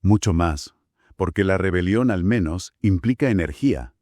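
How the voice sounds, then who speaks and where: A man from Spain co-hosting a Bible study podcast, explaining in a measured way. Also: low voice, animated, a little mellow, dry recording, clean studio sound. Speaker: podcast co-host.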